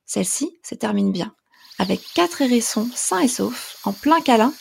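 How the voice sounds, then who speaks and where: A woman narrating a children's storybook in a gentle, lilting way. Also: fairly high pitch, expressive, moderate pace, gravelly, slight background noise. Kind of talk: storybook reading.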